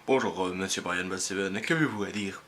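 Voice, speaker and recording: A man's voice: low-pitched, fairly quick, fairly bright tone, slight background noise, voice pushed down. A man putting on the voice of a mock-formal female journalist interviewing a YouTuber.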